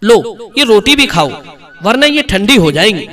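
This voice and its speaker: Brief: male narrator doing a cunning miserly merchant, hearty and coaxing, high lively voice. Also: measured pace, full character voice. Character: sly stingy middle-aged male merchant.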